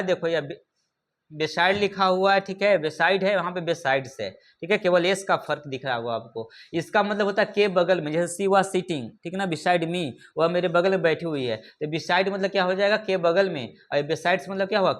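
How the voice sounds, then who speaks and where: A man's voice: sits high, normal speed, hardly any pauses, fairly bright tone. A man teaching an English vocabulary lesson, who keeps asking his learners questions and checking that they follow. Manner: repeats "ठीक है ना" and asks rhetorical questions; addresses learners familiarly. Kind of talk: classroom lesson explaining vocabulary.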